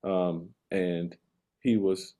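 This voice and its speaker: A man with a mellow, relaxed tone delivers a casual rant in conversation. He leans on repetition for comic emphasis, building his exasperation point by point. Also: low voice, extremely slow.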